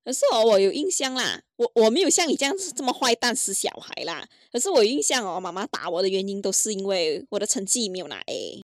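A young woman, chatting casually with quick, teasing replies. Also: mid-range voice, expressive, no echo, clean studio sound. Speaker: podcast co-host. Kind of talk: casual chat.

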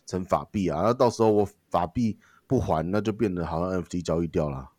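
Low-voiced man in casual debate. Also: quick pace, darkish tone, no echo, studio quality. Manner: questioning, rephrasing and challenging points. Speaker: podcast co-host. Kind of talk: casual discussion.

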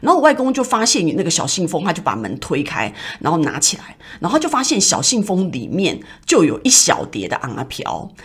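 A podcast host with a Taiwanese Mandarin accent tells personal stories in a reflective, rambling way, using many fillers. Her voice is lowish and a bit bright, with a breathy edge and huge pitch swings. She talks briskly with few pauses.

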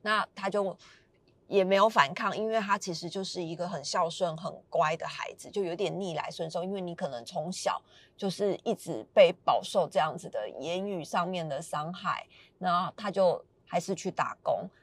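A woman's voice: lowish voice, normal speed, dry recording. A woman, casually telling a story as a podcast host, chatty and emphatic. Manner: chatty, retelling a friend's story with rising emphasis.

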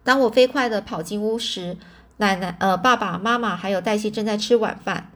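A woman reads a novel aloud in a relaxed, informal way. Her voice sits at a middling pitch, and she often stops to restart or rephrase a line. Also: normal speed. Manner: frequent restarts and fillers. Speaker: narrator. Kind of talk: casual storybook reading.

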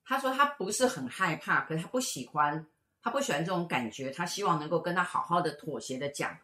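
Low-voiced woman telling a ghost story. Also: fairly quick. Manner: lively, acts out the voices of people in her stories. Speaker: fortune teller and show co-host. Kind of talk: casual storytelling chat. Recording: echoey room.

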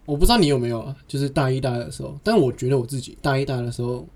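A young man's gravelly, darkish mid-range voice comes at a rapid-fire clip as he chats on a casual podcast. He tells sprawling anecdotes, stitching one event to the next with a chain of "and then."

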